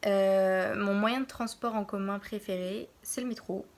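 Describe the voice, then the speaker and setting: A young woman in her early twenties from Normandy, answering Q&A questions in a casual vlog from her bedroom, pausing often to think. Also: medium pitch, fairly even intonation. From France, Normandy. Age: early 20s. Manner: hesitant, pauses often to think. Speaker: vlogger.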